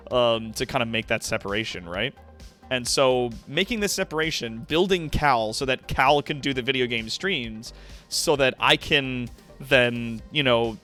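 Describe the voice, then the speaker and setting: A man with a medium-pitched, slightly bright voice streams casually to his viewers as an online entertainer. He rambles, swears freely, and thanks his audience effusively throughout the livestream chat.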